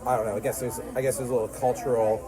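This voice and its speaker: A man's voice: mid-range voice, little pitch movement, racing, low-quality recording. A man with an American accent in casual conversation at a diner, telling stories and repeating phrases for emphasis. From United States, suburbs. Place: inside a busy diner. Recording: busy diner chatter behind the voice. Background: crowd chatter.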